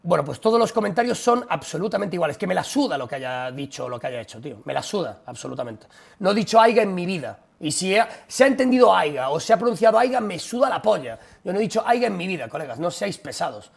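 A young man with a Spanish accent from Spain talks straight to his live-stream audience. He rants bluntly and profanely, with rapid-fire delivery and a slightly raised pitch. His voice has a gravelly, creaky edge. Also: big pitch swings. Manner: blunt, profane, exasperated ranting. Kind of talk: casual live-stream chat ranting at viewers.

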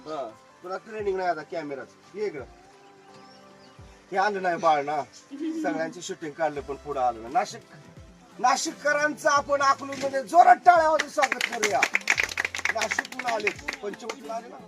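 A middle-aged magician works an outdoor farm crowd. His voice sits high for a man, and he is a joking showman who keeps calling for loud applause. Clear music plays behind him. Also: lively intonation, moderate pace. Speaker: magician performing for a tour group. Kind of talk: lively stage patter with crowd banter. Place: outdoors at an agro-tourism farm.

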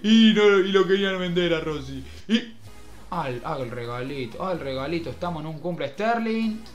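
A young Argentine man calls a football video game like a stadium commentator, his voice sitting high for a man. He bursts into shouted play-by-play, then drops to low, muttered grumbles. Faint game music plays behind him. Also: animated, moderate pace. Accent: Argentine Spanish. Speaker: gaming youtuber.

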